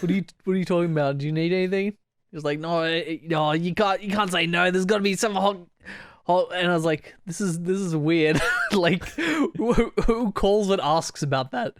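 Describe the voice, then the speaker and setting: A man's voice: sits high, moderate pace, no echo, studio quality. A young man co-hosting a podcast, telling stories in a rambling way, laughing often and acting out quoted voices. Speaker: podcast co-host. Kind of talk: casual chat.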